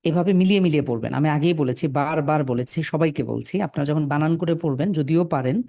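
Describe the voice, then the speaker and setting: A man teaching Quran reading over a video call, patiently but firmly correcting students and spelling letters slowly. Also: fairly high pitch, gravelly, warm tone, no room sound, studio quality. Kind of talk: online class, correcting students.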